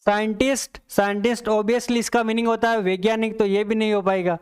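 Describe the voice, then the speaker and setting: A man's voice: high-pitched, flat delivery, smooth. A man teaching English for competitive exams, explaining answers step by step and repeating key points to his students. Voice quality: reads English example sentences slowly and deliberately. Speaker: English teacher for exam prep. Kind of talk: exam-prep lesson explaining answers.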